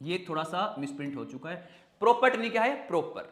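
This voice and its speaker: A man's voice: sits high, sing-song, a little fast, roomy sound. A man teaching an online vocabulary class in a joking, chatty way, using memory tricks and talking to viewers.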